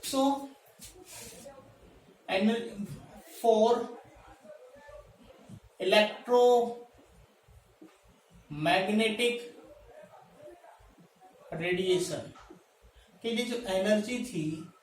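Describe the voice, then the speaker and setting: A male teacher giving a classroom chemistry lecture. He addresses students as "beta" and keeps checking in with "thik hai", slowing down to dictate terms. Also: high voice, slight background noise. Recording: echoey room, mic at a distance.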